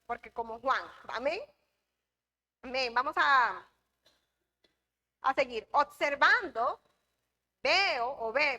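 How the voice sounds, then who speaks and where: A woman's voice: high voice, pushed and bright. A woman from the Republic, teaching a church Bible class in an emphatic way, repeating key phrases and asking the class questions. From Dominican Republic.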